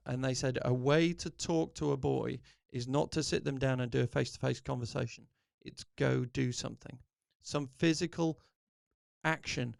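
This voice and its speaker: Earnest man with a gravelly voice. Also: mid-range voice, no room sound, studio quality. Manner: earnest, encouraging, rambling with restarts. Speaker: podcast host. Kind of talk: motivational talk to camera.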